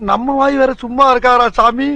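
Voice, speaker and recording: A man's voice: extremely high pitch, little pitch movement, normal speed, background noise. An actor playing a mocking comic man in a film clip, delivering sarcastic asides. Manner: sarcastic running commentary. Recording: film clip over loud music.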